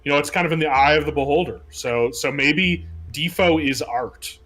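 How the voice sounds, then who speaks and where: A man co-hosting a casual stream chat, musing and thinking out loud. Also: a little high, normal speed.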